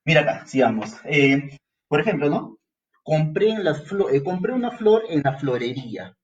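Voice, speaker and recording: A slightly high-voiced man at a moderate pace teaches entrance-exam grammar in Peruvian Spanish over a muffled recording. Addressing the student head-on, he stays lively and occasionally acts out the student's questions.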